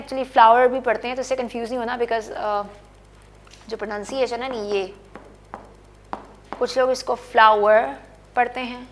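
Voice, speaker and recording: Woman teaching English, slightly high, gravelly. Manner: explains patiently, checks in with "okay?". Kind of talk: bilingual classroom lesson.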